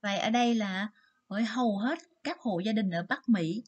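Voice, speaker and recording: A woman's voice: mid-range voice, husky, lo-fi sound. A woman teacher with a Vietnamese accent giving a vocabulary lesson, reading English words and explaining them in Vietnamese. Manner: slow and careful, switching between English words and Vietnamese explanations. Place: Nha Trang school.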